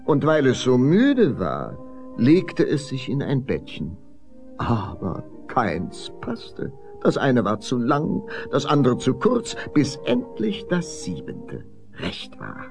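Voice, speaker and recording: A man reading a fairy tale aloud with expressive, sweeping storytelling. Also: medium pitch, gravelly.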